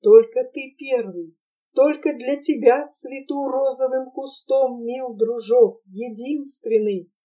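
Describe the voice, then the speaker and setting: A bewitching young woman, coaxing and possessive, her voice lifted brighter and higher than the reading around it, as a woman reader puts her on. She speaks slowly and tenderly in a storybook reading. The mic sits a little distant. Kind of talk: audiobook character voice.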